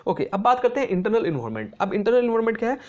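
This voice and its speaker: In his exam-prep lecture, a man with a high-pitched, sing-song, somewhat mellow voice explains material while dropping in English terms and slowly reading out English definitions. He keeps checking in with "okay," and the audio sounds dull.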